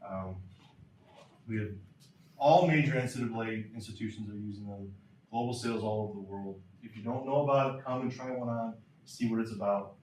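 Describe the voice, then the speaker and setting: A man's voice: lowish voice, a little fast, a little mellow, far from the mic, slight background noise. A man coaching throwers in a clinic lecture, emphatic and repeating key points, in a lecture hall. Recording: roomy lecture hall from afar.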